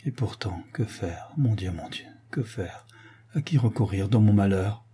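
A man's voice: lowish voice, lively intonation, normal speed, mellow, husky. A man reading aloud, voicing a frightened, tearful young female servant who pleads in a trembling voice for a storybook. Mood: anguished murmur.

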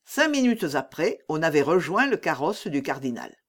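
A narrator reading a novel aloud in a measured, expressive way. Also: mid-range voice. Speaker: audiobook narrator.

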